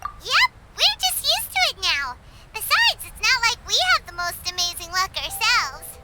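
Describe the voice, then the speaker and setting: Squeaky little Paimon, a floating fairy girl. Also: sing-song, unhurried, heavy background noise, exaggerated voice. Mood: chirpy, puzzled. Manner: refers to herself in third person, exclamatory. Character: tiny childlike floating girl companion, chirpy and cheeky. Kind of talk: anime video game voice acting. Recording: game music behind the voice.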